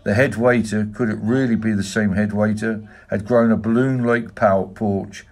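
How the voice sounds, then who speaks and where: A man reading a literary novel aloud in a measured, even manner. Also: fairly low pitch. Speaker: audiobook reader. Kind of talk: scripted narration.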